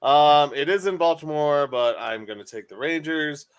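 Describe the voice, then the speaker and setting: A man's voice: fairly high pitch, moderate pace, clean tone. A man hosting a casual sports podcast, joking loosely and running the picks segment. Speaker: podcast host.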